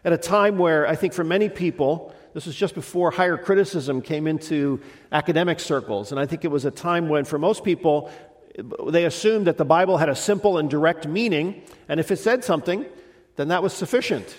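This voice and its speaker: Brisk and a little high-voiced, this middle-aged pastor, lightly stuffed up by a head cold, wanders conversationally through his sermon and restarts frequently. The church sanctuary lends the recording a long hall reverb.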